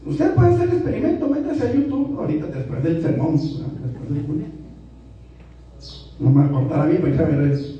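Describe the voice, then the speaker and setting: Mexican pastor preaching in an echoing church. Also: male voice, on the high side, very animated, fairly quick, dark tone, lo-fi sound, a little hiss or hum. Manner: addresses congregation with rhetorical questions, repeats "hermanos". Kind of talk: sermon. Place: church sanctuary. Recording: very echoey hall, distant mic.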